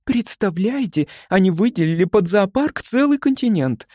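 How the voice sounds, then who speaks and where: A man's voice: sits high, expressive, moderate pace, darkish tone, no echo, clean studio sound, voice pushed up. A man doing a gushing young woman. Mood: awed. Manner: breathless, gushing. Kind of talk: audiobook character voice.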